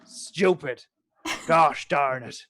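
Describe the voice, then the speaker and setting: A man voicing a gruff, dim-witted undead pirate in a tabletop game, with a pirate accent slipping into Irish. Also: on the high side, drawn-out words, a bit bright. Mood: gullible, grumbling. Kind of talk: tabletop role-play character voice.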